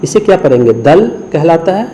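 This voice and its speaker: A man's voice: a little high, lively intonation, dark tone, slight background noise, rough recording. A man from India teaching Urdu script, patiently spelling out letters syllable by syllable and mixing English words into his explanations. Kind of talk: screen lesson.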